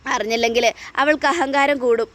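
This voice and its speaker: A woman's voice: sits high, fairly even intonation, fairly quick, fairly bright tone. A woman reading as a stern, lecturing young man. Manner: firm, lecturing. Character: stern young husband lecturing about his sister.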